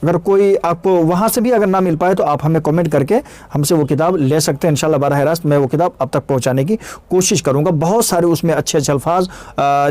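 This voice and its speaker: A man hosting a lesson on public speaking, talking unhurriedly and repeating words slowly to show how they should be pronounced. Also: a little high, darkish tone, no echo. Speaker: speech-making teacher, channel host. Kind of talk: casual instructional talk.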